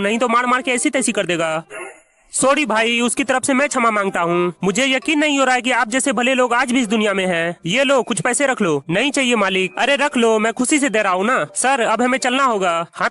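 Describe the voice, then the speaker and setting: A man's voice: extremely high pitch, brisk, sharp tone. A man dubbing a comic skit, bickering, scolding and mock-indignant.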